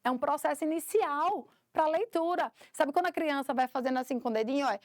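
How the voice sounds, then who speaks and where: A woman's voice: high voice, fairly quick, no echo, studio quality. A woman giving a recorded course lesson for teachers, explaining step by step and acting out classroom examples. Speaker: teacher trainer.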